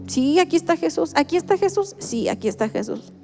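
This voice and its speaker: A woman's voice: very high-pitched, expressive, fairly quick, creaky, a little mellow, soft background music, exaggerated voice. A woman doing a scared little toddler girl. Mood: reassured.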